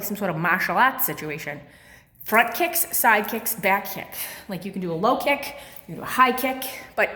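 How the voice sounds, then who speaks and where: Chatty woman coaching a workout in an echoey room. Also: medium pitch. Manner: chatty, filler-heavy, lively. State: slightly out of breath. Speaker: fitness vlogger. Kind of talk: casual workout demonstration. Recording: echoey room with long reverb.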